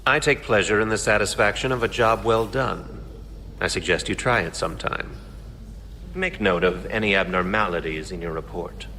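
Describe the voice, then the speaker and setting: An actor playing a stern, humorless Vulcan engineer in a game, speaking in stiff, precise, deadpan formal sentences. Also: male voice, lowish voice, normal speed. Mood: stern, dry. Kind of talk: scripted game dialogue. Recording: long hall reverb, faint noise.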